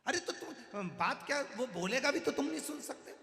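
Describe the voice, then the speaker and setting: A man giving a devotional sermon, telling an animated, humorous story with acted dialogue, in a large hall. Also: very high voice, moderate pace, creaky. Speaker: religious storyteller. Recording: echoey hall reverb.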